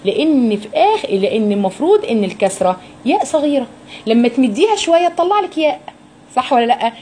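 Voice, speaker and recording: Warm Egyptian woman teaching recitation. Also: high-pitched, very animated, quick pace, slight background noise. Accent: Egyptian Arabic. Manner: explains patiently, asks her students questions and models each sound. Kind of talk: tajweed lesson for women.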